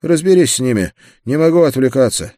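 A man's voice: mid-range voice, lively intonation, a little fast, warm tone, no room sound, studio quality, voice pushed up, close to an everyday voice. A man voicing a boastful male battle-mage companion in an audiobook, teasing and eager for a fight. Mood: curt.

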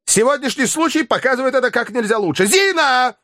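A man voicing a pompous older male professor who lectures and shouts in tirades. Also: sits high, very animated, a little slow, no room sound, clean studio sound, pitched above the performer's own voice, full character voice. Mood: furious.

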